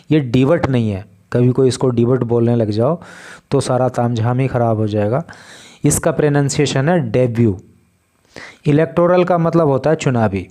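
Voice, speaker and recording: A man from India, speaking in a warm, mid-range voice, explains English words from a newspaper in Hindi. He goes one word at a time, slowly and patiently.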